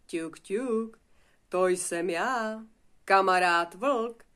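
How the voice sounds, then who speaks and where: A woman voicing a hungry, boastful male wolf in a storybook, speaking loudly and slowly drawing out his words. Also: mid-range voice, natural voice. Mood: menacing. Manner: loud, drawn-out and gloating.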